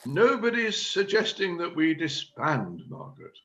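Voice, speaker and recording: A man's voice: fairly high pitch, wildly swooping pitch, unhurried, a bit bright, exaggerated voice. A man reading the part of a self-important chairman of an amateur drama group, declaiming his big plan. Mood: scheming. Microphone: video call.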